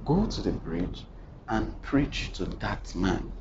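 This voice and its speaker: Preacher doing a hushed, solemn voice of God. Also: male voice, lowish voice, big pitch swings, slow pace, lo-fi sound, slight background noise, full character voice. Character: hushed commanding divine male voice.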